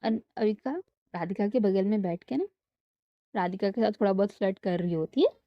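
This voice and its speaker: A woman's voice: medium pitch, moderate pace, dry recording. A young woman telling a romantic story in a casual, chatty way, mixing in English words. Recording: dull lo-fi dry sound.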